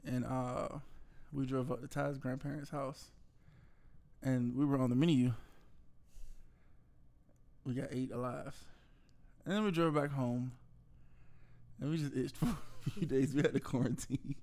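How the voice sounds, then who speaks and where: Gravelly man chatting casually. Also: medium pitch, measured pace, pauses often. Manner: animated storytelling, acts out quotes. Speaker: truck-driving vlogger. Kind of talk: casual couple chat. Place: hotel room. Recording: roomy hotel-room sound.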